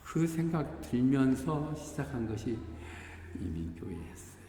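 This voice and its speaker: An older man preaching a conversational sermon as pastor, often acting out quoted voices with sudden pitch jumps. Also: sing-song, unhurried. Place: church hall. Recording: echoey church hall with faint background noise.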